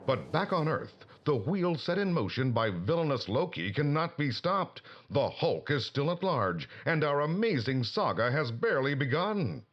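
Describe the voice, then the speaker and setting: A dramatic superhero comic narrator, swoopy delivery, bit muffled, music behind. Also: male voice, on the high side, sing-song, normal speed, few pauses. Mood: portentous. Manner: portentous, dramatic. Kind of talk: scripted narration. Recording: dull sound with music behind.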